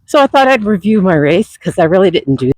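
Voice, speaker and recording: A man talking casually and reflectively while out running, his voice breathy and still husky from a recent illness, with sighs and pauses. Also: high-pitched, big pitch swings, dry recording. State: voice not fully recovered from illness, husky. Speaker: running vlogger. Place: outdoors on a trail.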